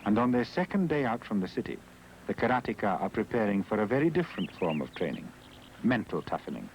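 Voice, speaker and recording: Calm low-voiced male documentary narrator. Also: fast, slight background noise, rough recording. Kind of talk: scripted narration.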